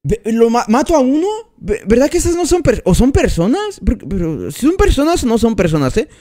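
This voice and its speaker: A man's voice: very high-pitched, sing-song, brisk, warm tone. A man commenting on his mobile gameplay during a live stream, chatting and greeting each viewer by name as he plays. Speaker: gaming streamer.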